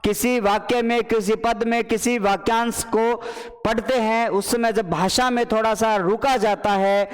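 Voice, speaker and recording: A man teaching a playful, animated online Hindi exam class. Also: high-pitched, measured pace, clean tone, long reverb tail. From Rajasthan. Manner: animated, playful, addresses students as children and brothers. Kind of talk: live online exam paper solution class.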